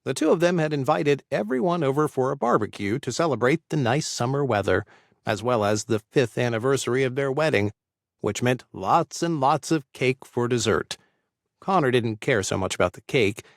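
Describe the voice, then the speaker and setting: A male narrator reading an audiobook at a mid pitch. His delivery is steady and measured, in a dry, close sound. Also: vocal fry, dry recording.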